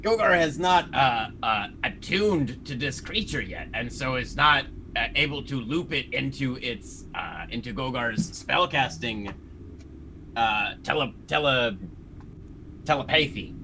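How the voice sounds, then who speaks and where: A man's voice: mid-range voice, expressive, a little slow, pushed and bright, slight background noise. A man describing his character's actions in a tabletop game, rambling with many "like" and "you know". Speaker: player.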